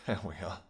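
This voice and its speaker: A man performs a tender, protective vampire king in a roleplay audio drama. He speaks formally and earnestly, in halting phrases.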